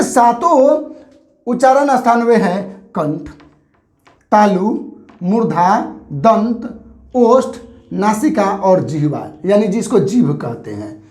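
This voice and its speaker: A man's voice: very high-pitched, darkish tone. Male teacher drilling grammar in an echoey room. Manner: explains by repeating and asking questions he answers himself. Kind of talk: exam-prep grammar lesson. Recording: roomy echo.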